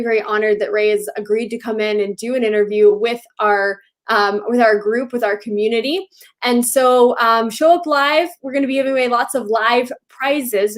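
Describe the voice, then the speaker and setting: A woman co-hosting a live coaching show, upbeat and encouraging, firing off rhetorical questions. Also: mid-range voice. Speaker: co-host. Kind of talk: live-streamed coaching chat.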